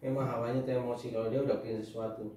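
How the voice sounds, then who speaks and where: A man's voice: medium pitch, level tone, racing, mellow, slight background noise. A man talking as a father giving his family advice in casual chat, lecturing and laughing often. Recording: echoey room, mic far off.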